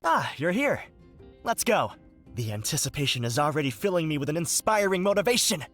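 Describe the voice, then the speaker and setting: An actor playing an earnest, excitable writer companion in a video game, speaking theatrically and eloquently with wonder. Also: male voice, on the high side, fairly quick. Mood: eager. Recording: game music behind the voice. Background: game music.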